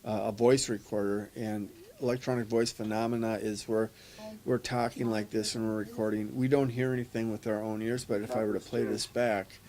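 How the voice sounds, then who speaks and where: A man's voice: lowish voice, little pitch movement, moderate pace, darkish tone. A man, a paranormal investigator, answering interview questions in a matter-of-fact way.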